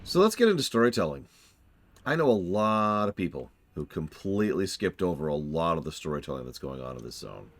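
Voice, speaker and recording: Male game streamer, very deep voice, animated intonation, casual wry lore commentary over faint music. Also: fairly quick.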